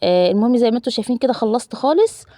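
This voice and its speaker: A woman's voice: a little high, animated, rapid-fire, mellow, no room sound, studio quality. A woman in her thirties with an Egyptian Arabic accent, chatting casually to viewers while narrating her cooking, with lots of fillers. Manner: chatty, addresses viewers as loved ones, frequent fillers. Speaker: family vlogger.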